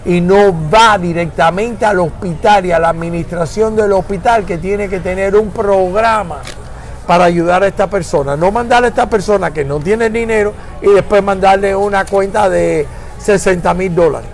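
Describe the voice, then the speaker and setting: An older man from Florida, United States, speaks in a high-pitched voice at normal speed during a conversational interview. He talks emphatically and searches for words, at times slipping into English.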